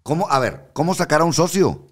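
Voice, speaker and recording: A man's voice: fairly high pitch, big pitch swings, brisk. A man hosting an interview, asking probing questions in a casual chat and laughing along with his guest. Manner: probing questions, laughs often, short backchannels. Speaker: interviewer host.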